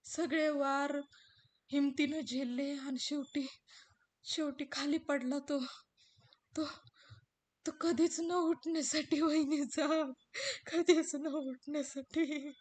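A woman's voice: sits high, little pitch movement, slow pace, long pauses, voice pushed up. A woman voicing a distraught male servant in rural Marathi dialect, stammering and repeating himself. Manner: stammering, breaking into sobs. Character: distraught male servant bringing terrible news.

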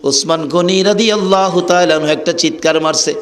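A man's voice: high voice, steady tone, a little fast. A male preacher narrating a dramatic sermon story in a chanting, emotional delivery.

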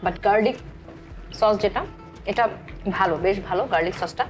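A woman's voice: mid-range voice, normal speed, over music. A woman with a Bangladeshi Bengali accent, giving a chatty food review in a restaurant. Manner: chatty, mixes English words into her talk. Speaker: food vlogger. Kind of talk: casual food review to camera.

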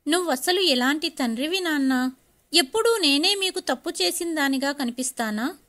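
A woman's voice: high-pitched, lively intonation, normal speed, pushed and bright. A woman voicing a stubborn young wife who is tearful and defiant. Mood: hurt, defiant.

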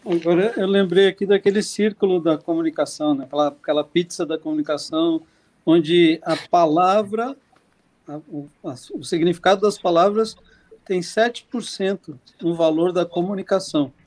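A podcast co-host with a high-pitched, slightly mellow voice chats casually at a normal speed. He rambles, using lots of fillers and restarts.

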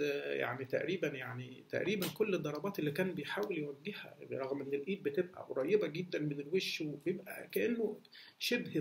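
A man's voice: on the high side, gravelly, slight background noise. A man with an Egyptian Arabic accent, a martial arts instructor answering viewer questions in a casual talk, full of fillers and restarts. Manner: hesitant, many restarts and fillers. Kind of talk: casual Q&A monologue.

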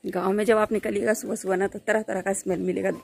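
A middle-aged mother from Bihar, India, with a Bihari Hindi accent, films a casual walking vlog through an old village school while guiding her son. Her mid-range voice is fast, creaky, a little mellow, and shows little pitch movement. The phone is held at arm's length, and a slight hiss or hum can be heard.

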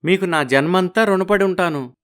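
A man's voice: sits high, moderate pace, fairly bright tone, clear, resonant tone. A man voicing a poor, worried village father who speaks humbly and pleads respectfully. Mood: pleading. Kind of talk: audio story acting.

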